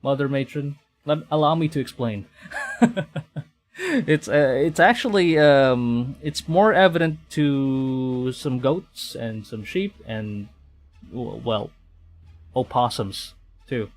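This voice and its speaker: Playing through a game on a live stream, a Filipino VTuber reads on-screen text aloud and breaks into halting, stammering side comments. He speaks slowly in an animated mid-range voice, with game music in the background.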